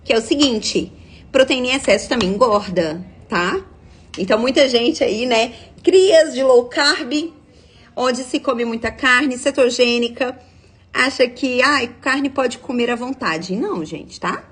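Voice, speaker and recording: A woman's voice: on the high side, measured pace, fairly bright tone, husky. A young adult woman, a nutritionist giving a live-stream talk, explaining step by step, reading viewer comments and often checking in with tag questions. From Minas Gerais, Brazil.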